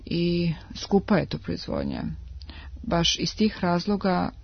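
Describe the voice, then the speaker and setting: A woman, an industry adviser, explaining things in a measured way as a guest in a radio interview, pausing on drawn-out fillers. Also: on the low side, huge pitch swings, gravelly. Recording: dull lo-fi radio broadcast.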